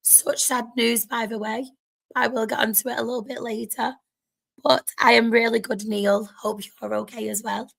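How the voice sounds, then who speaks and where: A woman's voice: fairly high pitch, little pitch movement, normal speed, creaky, fairly bright tone. A woman with a sore, strained throat, chatting casually to viewers as host of a football fan livestream.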